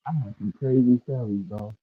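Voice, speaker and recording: In an online audio chat room, a man tells stories casually using laid-back street slang. His medium-pitched voice, slightly rough and at normal speed, sounds muffled as if through a wall and set back from the mic, with no echo.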